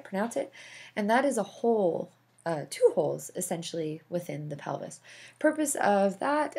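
A woman's voice: fairly low pitch, a little mellow, husky. A woman instructor explaining anatomy over slides, with casual asides and fillers. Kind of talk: recorded slideshow lecture.

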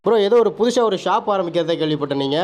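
Fast-talking Tamil father vlogging. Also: high-pitched, lively intonation, over music. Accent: Tamil Nadu Tamil. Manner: fast, chatty, coaxing his child. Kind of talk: casual family vlog chat. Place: tattoo and beauty salon, indoors.

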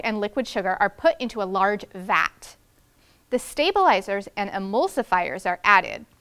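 A woman's voice: on the high side, fairly bright tone, smooth. A woman in her thirties giving a read-aloud lesson to young children as a teacher, carefully enunciating the big words. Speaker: first grade teacher. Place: indoors in a classroom.

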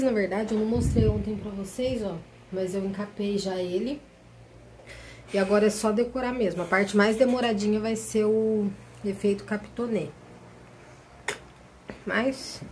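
A woman's voice: mid-range voice, a little mellow, a little hiss or hum. A young woman casually vlogging from her home workspace, chatting to viewers as she works on cakes. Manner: chatty, keeps addressing viewers as "gente". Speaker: cake decorator vlogger. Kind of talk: casual vlog narration.

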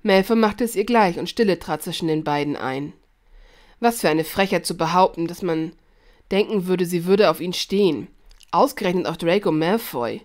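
A woman narrating a fan fiction audiobook in a lively read-aloud voice, with occasional slips and restarts. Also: on the low side, moderate pace.

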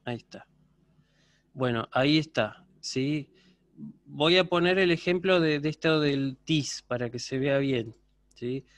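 Male university lecturer, higher-pitched, patient explainer on a video call, dry sound. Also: a little slow, no echo. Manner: patient, explanatory, checks understanding with frequent questions. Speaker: university teacher. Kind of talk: online class lecture.

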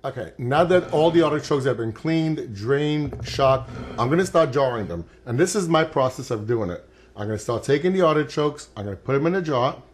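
A fairly quick man with a mid-range voice and lively intonation hosts a cooking show. Older and casual, he demonstrates a dish in his home kitchen, chatting while he works and encouraging those watching.

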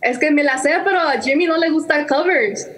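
A young woman from Houston, Texas, talks over a video call from a small room with a handheld mic. Her high voice is friendly, and she switches into English now and then. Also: a little fast, fairly bright tone. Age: young adult. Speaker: singer caller. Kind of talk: casual chat.

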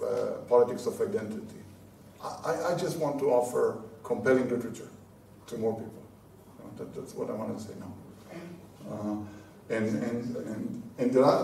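A man's voice: mid-range voice, warm tone, distant mic. A middle-aged man talks informally on a panel in an echoey, noisy seminar room, repeating words as he thinks. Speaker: scholar on a translation panel. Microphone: handheld microphone.

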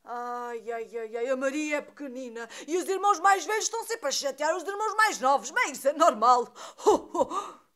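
A doleful old Santa Claus from a puppet theatre show, acted out by a woman, who keeps sighing "ai" and breaking into chuckling ho-hos. The voice sits very high despite the old man it plays. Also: expressive, normal speed, a bit bright. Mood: worried. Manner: constant sighing and moaning, chuckling ho-ho laughs.

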